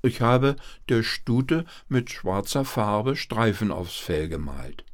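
A man's voice: on the low side, big pitch swings, takes it slowly. A man voicing a cheeky little schoolboy in a bedtime storybook reading, talking in an eager, whiny way. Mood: matter-of-fact. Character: cheeky little schoolboy who wants mischief.

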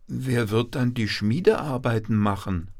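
Eager little grandchildren from a storybook, as a male reader plays them, their voices pushed high and bright. They tumble over their words with stammering, excited questions. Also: measured pace, close to an everyday voice. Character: small grandchildren, eager and curious.

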